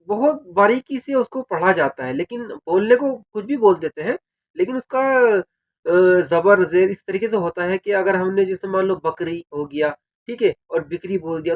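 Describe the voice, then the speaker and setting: High-voiced man, casual explainer. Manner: conversational, fillers like "theek hai" and "yaar", addresses viewers directly. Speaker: video creator giving advice on working in Saudi Arabia.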